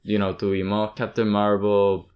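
A Puerto Rican man with a clear, smooth, fairly low voice co-hosts a casual podcast. He talks like an enthusiastic fan and slips freely between Spanish and English in easy Spanglish. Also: completely flat delivery, unhurried, lo-fi sound. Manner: Spanglish, mixing English words and phrases into Spanish. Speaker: podcast co-host. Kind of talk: casual chat.

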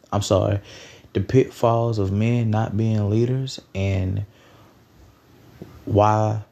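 A man's voice: on the low side, vocal fry, warm tone. A nineteen-year-old man hosting a solo podcast, rambling in a loose, profane, conversational way. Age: late teens. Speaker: podcast host.

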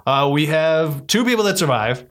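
Animated man chatting about films. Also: normal speed. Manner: animated, pitch jumps up often. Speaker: podcast co-host. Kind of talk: casual film discussion.

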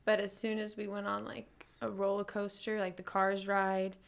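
A woman's voice: mid-range voice, flat delivery, normal speed, creaky. A woman in her thirties co-hosting a podcast, telling stories in a chatty, laughing way. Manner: chatty storytelling with frequent laughs. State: pregnant. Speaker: podcast co-host. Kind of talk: casual chat.

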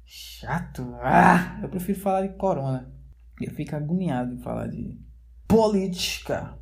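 A man's voice: fairly high pitch, lively intonation, measured pace, creaky. A man talking straight to his viewers in a casual, rambling monologue, full of slang fillers and loose tangents, recorded indoors at home. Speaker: vlogger.

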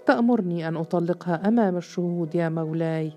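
A woman's voice: on the low side, fast talker, dark tone, soft background music, lightly acted. Bitter merchant husband, read by a woman. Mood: resentful. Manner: grudging, defiant. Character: resentful middle-aged male merchant, bitter and defiant.

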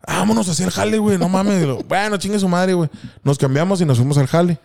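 A young co-host with a Mexican accent shares a story in casual podcast chat, heavy on slang, laughing and mimicking people's words. His voice sits high with vocal fry and a slightly mellow quality, and he talks fast.

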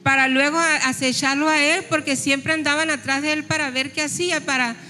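A woman's voice: high-pitched, fairly quick. A woman preaching a sermon, retelling Bible stories and voicing the people in them. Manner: retelling Bible stories with lively quoted dialogue. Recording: long hall reverb with faint music.

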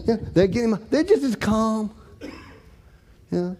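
A man telling a lively story to an audience, acting out scenes. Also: high voice, takes it slowly. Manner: folksy Southern-style storytelling, acts out shouts for help.

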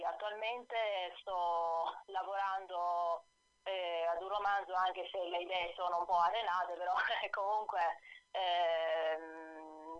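A woman speaks over the phone in a lowish, unhurried voice, often hesitating with fillers and soft laughs. The line is dull and dry, with no room sound around her. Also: no room sound. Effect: voice heard over the phone. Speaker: author guest on a radio show. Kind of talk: phone-in radio interview. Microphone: telephone.

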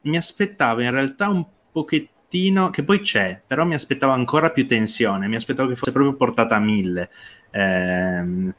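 A man's voice: medium pitch, normal speed, a bit bright. A man co-hosting a livestream about a TV episode, talking hesitantly with many fillers and occasional light laughter.

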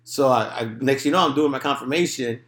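A man with a clear-cut, bright voice tells stories in a loose, streetwise way. His talk is casual and full of swearing and slang. The room around him echoes. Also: medium pitch, fairly quick. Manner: streetwise slang, peppered with "bro" and "dude". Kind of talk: casual profane storytelling. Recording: roomy, echoing room sound.

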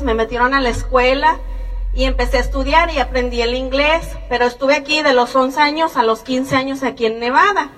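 A woman in her thirties from Mexico tells her life story as a testimony, speaking slowly and earnestly to encourage her listeners. Her voice sits high. She is recorded from a distance, and a long reverb from a large hall trails her words. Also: fairly bright tone. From Mexico (Jalisco and Colima). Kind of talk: personal testimony speech. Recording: far from the mic in a reverberant hall.

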